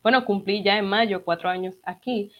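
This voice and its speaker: A woman from Puerto Rico with a softened Puerto Rican Spanish accent, chatting as an interview guest and acting out the voices in her stories. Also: medium pitch, normal speed, dull audio. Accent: Puerto Rican Spanish, slightly neutralized. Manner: chatty, animated storyteller who acts out dialogue. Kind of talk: casual conversational interview.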